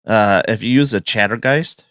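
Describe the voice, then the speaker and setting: A man's voice: on the low side, a bit bright, dry recording, studio quality. Man on a choppy, cutting-out call. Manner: halting, with many fillers. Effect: choppy call connection that keeps cutting out. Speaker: host relaying chat questions. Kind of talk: casual chat over a call.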